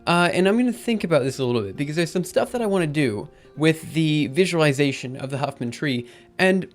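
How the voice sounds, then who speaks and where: A programming livestreamer with a slightly high voice, a bit raspy after a drink, talks through his code fairly quickly and animatedly. He thinks aloud while typing in a chatty, upbeat casual live coding stream, with keyboard clicks and faint music underneath.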